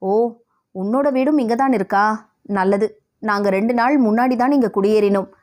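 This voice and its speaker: Woman doing a gentle middle-aged neighbour lady, caring tone, storybook reading. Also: medium pitch, moderate pace, natural voice. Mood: kind.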